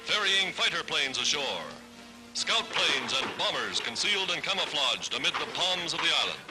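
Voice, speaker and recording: A man's voice: fairly high pitch, very animated, normal speed, music in the background, low-quality recording. A man giving dramatic, declamatory 1940s wartime newsreel narration.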